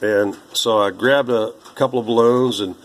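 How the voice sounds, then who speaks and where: Older man, slow halting monologue, somewhat low voice, faint background noise. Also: steady tone, low-quality recording. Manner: slow, halting, many fillers. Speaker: vlogger. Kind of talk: rambling monologue reading from old papers.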